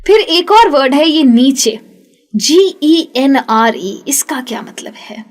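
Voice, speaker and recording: A young woman teaching English pronunciation, patiently repeating each sound slowly for practice. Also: high-pitched, animated. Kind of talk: spoken English lesson.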